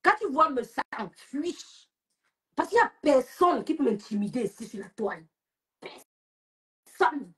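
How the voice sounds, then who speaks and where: A woman's voice: sits high, big pitch swings, unhurried, long pauses, fairly bright tone, husky. A young woman with a Cameroonian French accent, hosting a social media live and scolding and mocking a rival in a taunting rant. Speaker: live-stream host.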